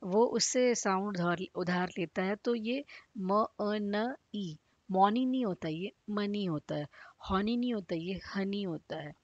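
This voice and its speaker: A woman's voice: mid-range voice, unhurried, dry recording, lo-fi sound. A woman teaching phonics with a Hindi accent, sounding out each letter and then blending them into words. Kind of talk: slow sounding-out phonics lesson.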